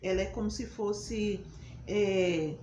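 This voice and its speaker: A woman teacher with a Brazilian Portuguese accent, slowly explaining a lesson at a whiteboard and repeating example words for young pupils. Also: medium pitch, mellow, reverberant, slight background noise. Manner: slow, emphatic repetition of example words. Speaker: primary school teacher. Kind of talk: recorded remote class lesson. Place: room at a whiteboard.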